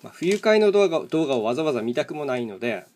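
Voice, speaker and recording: A man with a voice a little higher than most men's talks casually, like a host chatting over a solo game. He thinks aloud in short fragments and keeps a plain, matter-of-fact way of speaking. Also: sing-song, fast, a little mellow. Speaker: host of a solo mahjong chat video and live streamer. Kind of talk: casual rambling commentary while playing tiles.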